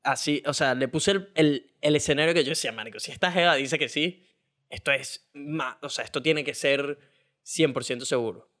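Hombre joven, acento venezolano, voz algo aguda, charla de podcast, animado, coloquial. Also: male voice, on the high side, moderate pace. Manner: animated storytelling, crude slang, acts out quotes. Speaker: podcast co-host. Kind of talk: casual chat.

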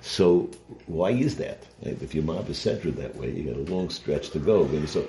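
A man teaching in an informal sermon style, conversational and halting, repeating phrases and checking in with rhetorical questions. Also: very deep voice, expressive, very noisy. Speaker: rabbi giving a Torah lesson. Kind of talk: informal sermon, Torah lecture.

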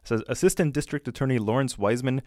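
A man's voice: medium pitch, quick pace, a little mellow, no room sound. A man co-hosting a podcast, chatting casually with a dry, wry manner and reading old archive clips aloud. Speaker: podcast co-host.

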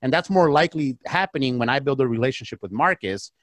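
A man talking through deals as a podcast guest, swinging from hushed asides to emphatic bursts. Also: medium pitch, animated, fast, no room sound. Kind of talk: casual podcast talk. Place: Arizona.

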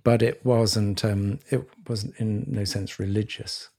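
Gravelly, husky man speaking reflectively. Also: lowish voice, fairly even intonation, darkish tone. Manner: halting and searching, with many restarts. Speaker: podcast co-host. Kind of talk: reflective conversation.

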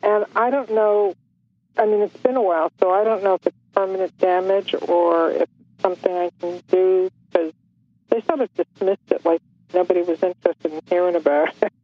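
A woman calling in to a radio show by phone, speaking haltingly, with pauses and restarts. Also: on the low side, fairly even intonation. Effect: heard over a phone line on a radio call-in show. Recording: muffled phone-line sound.

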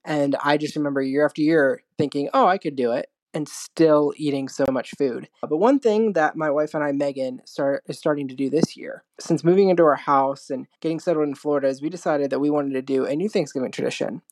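A man's voice: fairly high pitch, a little fast, few pauses, a little mellow, no room sound. A man sharing a family memory in a casual, enthusiastic way. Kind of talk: recorded personal story.

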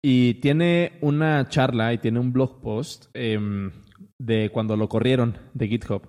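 A man's voice: mid-range voice, slow, a little mellow, in a large hall. A man with a Mexican accent hosting a casual podcast chat, rambling with many restarts and fillers. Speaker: podcast host.

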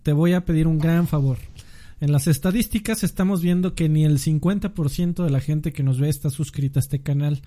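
A male podcast host with a Mexican accent and a high voice. He chats casually, addresses the audience directly and drops swear words freely. His delivery is informal throughout. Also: a little fast, warm tone. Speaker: podcast host reading listener greetings.

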